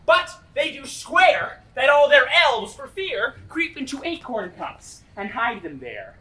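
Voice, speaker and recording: A merry, knavish hobgoblin acted by a woman tells tales in theatrical Shakespearean verse. The high voice swoops about at an unhurried pace, full of playful mischief. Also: sing-song, sharp tone, heavily acted. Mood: confiding. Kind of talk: Shakespearean stage acting in verse. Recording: stage recording from a distance.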